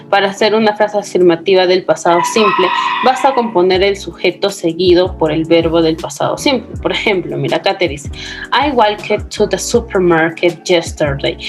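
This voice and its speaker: Patient woman teaching a class. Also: medium pitch. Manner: patient, explanatory, frequent checking tag questions. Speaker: English teacher. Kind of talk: recorded class explanation.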